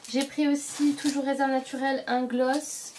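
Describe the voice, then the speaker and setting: A woman's voice: high voice, level tone, normal speed, darkish tone, a little hiss or hum. A young woman, chatting casually as a beauty vlogger, with many fillers and self-corrections. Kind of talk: casual product show-and-tell.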